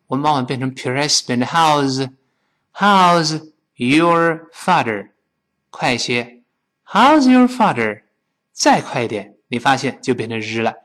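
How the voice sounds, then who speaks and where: A man teaching spoken English, a native Chinese speaker who models short phrases for students to repeat. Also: mid-range voice.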